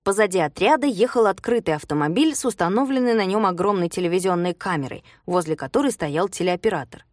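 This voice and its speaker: Expressive woman reading a storybook. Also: on the low side, fast talker, few pauses, dry recording, studio quality. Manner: expressive, shouts character lines. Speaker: narrator. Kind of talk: storybook reading with acted dialogue.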